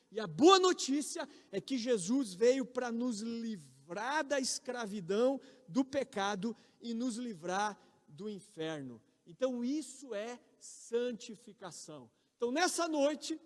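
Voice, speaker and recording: High-voiced Brazilian pastor preaching emphatically. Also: male voice. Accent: Brazilian Portuguese. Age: 40s. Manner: emphatic, rising to loud peaks on key words. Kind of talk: sermon. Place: large church hall. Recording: reverberant church hall.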